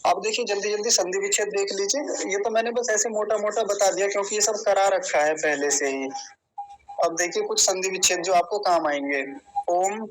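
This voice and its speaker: A man teaching a recorded lesson on mantras, patient and explanatory, pronouncing each word slowly and deliberately. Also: sits high, rough recording. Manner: slow, deliberate syllable-by-syllable pronunciation drills.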